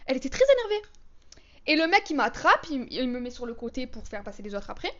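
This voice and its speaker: A woman's voice: a little high, expressive, quick pace, fairly bright tone, lo-fi sound. A young woman telling storytime anecdotes in a chatty, slangy, dramatic way. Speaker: vlogger. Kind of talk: casual storytime vlog.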